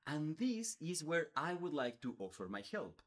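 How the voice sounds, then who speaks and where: A Spanish-speaking YouTuber from Mexico, a man in his thirties, explains things earnestly to the camera indoors before a space backdrop. He's animated and gestures a lot with his hands. His voice runs a little high at a moderate pace.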